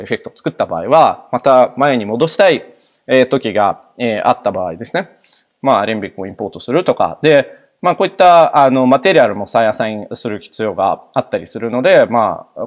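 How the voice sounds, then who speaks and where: A man from Russia presenting a technical software talk at a conference, speaking politely and haltingly with frequent filler words between phrases. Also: mid-range voice. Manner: polite explanatory tone.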